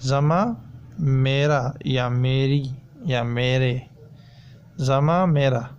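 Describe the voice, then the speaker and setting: A man teaching a language lesson, slowly repeating each word and phrase as he drills it. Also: medium pitch, fairly even intonation, a little mellow, muffled recording, a little hiss or hum. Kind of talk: slow, repetitive language lesson. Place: voice-over on a slide video.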